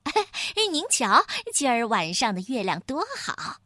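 A woman's voice: a little high, animated, a little slow, bright, forceful tone, a little hiss or hum. A woman voicing a sly male gorilla bandit who fawns and stammers with many fillers, in a storybook reading. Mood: fawning. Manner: fawning, hesitant, full of fillers.

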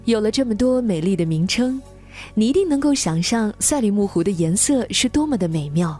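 A woman's voice: mid-range voice, a little mellow. A woman reading scripted nature documentary narration about places and customs. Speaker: narrator of a travel programme. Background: music behind the voice.

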